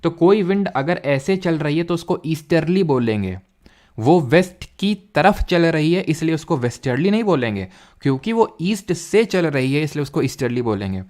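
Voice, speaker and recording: A man's voice: on the high side, lively intonation, normal speed, a little mellow. A man teaching an exam-prep geography lesson, explaining while he draws and repeating key terms.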